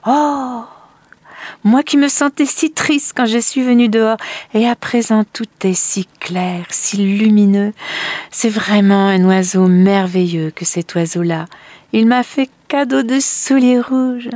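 A woman reading a storybook and voicing a young girl with high, eager, girlish exclamations. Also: fairly even intonation, normal speed, no room sound, lightly acted. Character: young girl, tearful then joyful.

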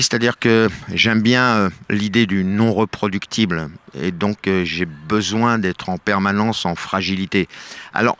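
A man's voice: low voice, fairly bright tone, clear, resonant tone. A middle-aged man, an actor and bandleader, answering radio interview questions hesitantly, with many fillers and restarts.

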